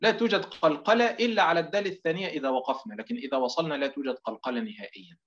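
A middle-aged male recitation teacher leads an online lesson and explains each point step by step. He drags example words out slowly to demonstrate them. The audio is dull and muffled, like a lo-fi call. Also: a little high, fairly bright tone.

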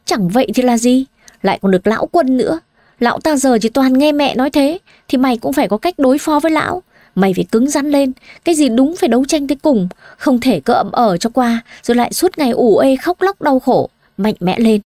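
A woman's voice: high voice, lively intonation, a little fast, no echo, clean studio sound, voice pushed up. A woman voicing a blunt, fiery young woman who urges her friend to stand up for herself. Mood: urging. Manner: forceful, urging.

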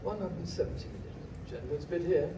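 A man whose voice is a little high runs an auction in a packed, large hall, calling bids at a steady rhythm through a podium mic. Filmed by phone from among the audience, the audio is distant, echoey and very noisy with room ambience.

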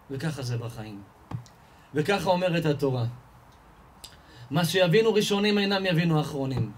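A rabbi with a slightly high male voice gives a Torah lesson as a lively sermon in a live event hall before an audience. He's an animated storyteller who asks and answers his own rhetorical questions, rising in pitch and volume. There's slight background noise.

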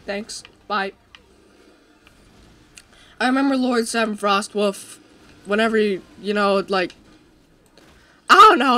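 A young man hosting a co-op game session from his desk mic, joking and trailing off with fillers as he plays. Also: extremely high pitch. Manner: excitable, jokey, trails off with fillers. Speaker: host. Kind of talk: casual gameplay chat.

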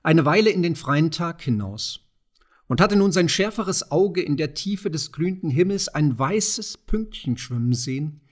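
A man reading a classic fairy tale aloud in measured storytelling narration. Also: a little high, animated. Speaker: audiobook reader.

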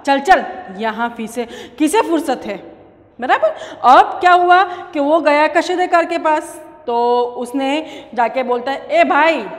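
A woman's voice: high-pitched, big-room sound. A woman teacher, animatedly telling a story and explaining words to children.

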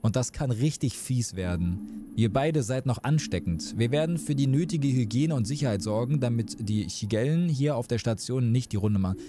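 Man doing a calm, low-voiced doctor. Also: lightly acted. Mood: earnest. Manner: measured, stumbling over a medical term. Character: calm, earnest male hospital doctor.

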